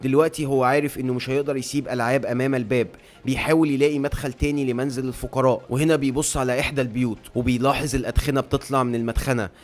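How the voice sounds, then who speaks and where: Male comic-recap narrator, Egyptian accent, rapid dramatic telling, average pitch. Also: fairly even intonation. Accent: Egyptian Arabic. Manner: brisk, dramatic storytelling. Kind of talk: comic book story recap.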